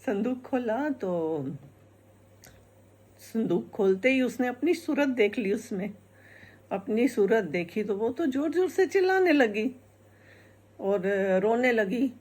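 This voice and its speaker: Woman telling a folk story, slow and chatty, kinda high voice, repeats herself a lot. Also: lively intonation, a little mellow. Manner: chatty, repeats phrases, laughs at her own tale. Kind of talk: casual folk-tale storytelling.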